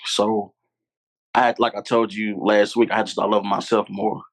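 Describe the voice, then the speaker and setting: The voice is a man's, on the low side, with a level tone at normal speed, and the recording is rough. In his 20s and from Louisiana, US, he's a podcast guest telling candid conversational stories in earnest, emphasizing points by repeating them.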